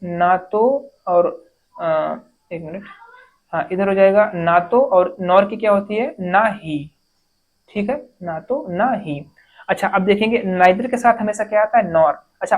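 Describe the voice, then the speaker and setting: Woman, grammar teacher, exam-prep lesson, step-by-step explaining, self-answered questions, slow careful reading. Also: mid-range voice. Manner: reads English sentences slowly, word by word.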